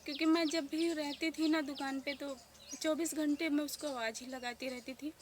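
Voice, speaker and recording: A woman in her thirties speaking softly with grief as she tells a casual village vlog story outdoors. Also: high-pitched, fairly even intonation, normal speed. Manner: grieving, soft-spoken. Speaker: village vlogger. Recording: noisy outdoor village ambience.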